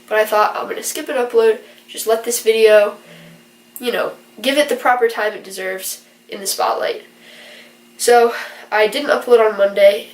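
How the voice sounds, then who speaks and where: Her voice is fairly high and picked up from far away, with a roomy echo. The young adult vlogger and college student has a stuffy nose from a virus and earnestly explains things in a loose, rambling vlog with many fillers.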